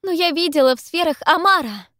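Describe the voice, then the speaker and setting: A woman voicing a defiant young Victorian lady heroine in an audiobook, speaking in a loud, urgent, raised voice. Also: very high voice, animated, fairly quick, no echo, clean studio sound, pitched above the performer's own voice, exaggerated voice. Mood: urgent pleading. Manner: pleading then forceful, loud and urgent. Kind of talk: audiobook character voice.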